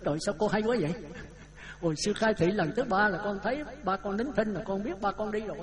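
High-voiced monk telling a story. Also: male voice, low-quality recording. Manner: folksy, chatty, laughs while telling. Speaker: Buddhist monk. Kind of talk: dharma talk storytelling. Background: audience laughter.

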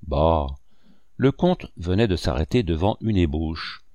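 A man narrating a classic novel aloud, his voice deep and notably low. He tells the story with lively, rising and falling intonation, and the recording is close and dry. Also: moderate pace, dry recording. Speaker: audiobook narrator. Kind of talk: scripted narration.

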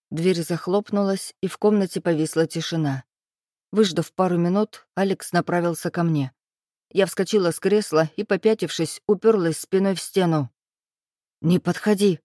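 A woman narrating a novel in the first person, with a lowish, dark, mellow voice. Her reading is steady and even. The close mic gives a dry, intimate sound. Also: moderate pace, dry recording. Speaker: audiobook narrator.

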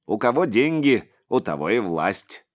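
A man's voice: lowish voice, very animated, measured pace. A man voicing a cold, indifferent male thug with a hissing, menacing delivery. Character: cold lipless gold-toothed male torturer, indifferent.

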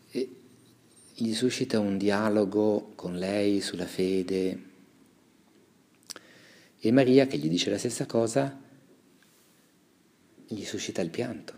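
A deep-voiced man delivers a quiet, reflective homily as a priest. His tone is dark and mellow with a gravelly edge. He reads scripture and comments on it at a measured pace, pausing and restarting his phrases as he goes. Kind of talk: reflective homily with Gospel reading.

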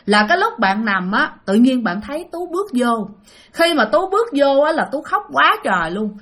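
A woman's voice: high-pitched, sing-song, normal speed, a bit bright. A woman with a Southern Vietnamese accent telling a ghost story, emotional and speaking directly to her listeners. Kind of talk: spoken ghost-story narration.

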